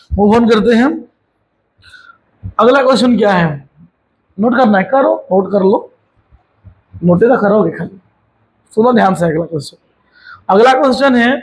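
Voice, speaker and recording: A man's voice: high voice, rough recording. A man teaching a maths lesson, chatty and scolding, mixing jokes and snatches of song into his explanations. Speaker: maths tutor.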